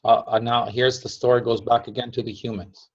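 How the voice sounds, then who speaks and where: Man explaining slowly, dull lo-fi sound. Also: mid-range voice, little pitch movement, heavy background noise. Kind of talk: casual explanatory talk.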